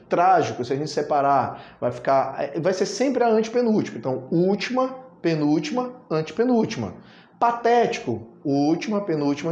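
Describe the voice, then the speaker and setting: A man's voice: fairly high pitch, darkish tone, reverberant. A Brazilian man teaching a grammar lesson, affectionately calling his students "my loves" and drawing out filler sounds. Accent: Brazilian Portuguese.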